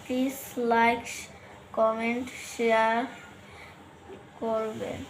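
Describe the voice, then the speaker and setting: A woman's voice: fairly high pitch, level tone, takes it slowly. A young woman vlogging casually to her viewers, chatty and rambling. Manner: chatty, rambling, counts numbers aloud. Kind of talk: casual vlog chat to viewers. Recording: faint background noise.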